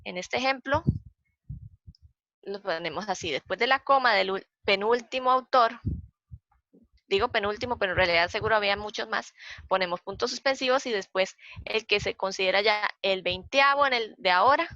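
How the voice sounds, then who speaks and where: A librarian with a Costa Rican accent teaches a citation workshop, going through slides with patience, restating her points and counting aloud slowly. She has a medium-pitched, pushed, bright voice. The audio is dull, dry and lo-fi, with no room sound.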